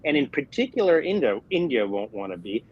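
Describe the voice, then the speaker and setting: A man arguing his point briskly on an opinion panel, often restarting his phrases. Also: medium pitch, very animated, breathy edge, highs cut off. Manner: brisk, argumentative, trailing restarts. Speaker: opinion columnist. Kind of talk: panel discussion.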